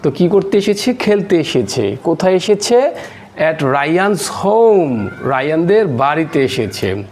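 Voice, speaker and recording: A man's voice: a little high, very animated, a little slow, a little mellow, slight background noise. A man teaching an English lesson to children, asking and answering his own questions as he translates phrase by phrase.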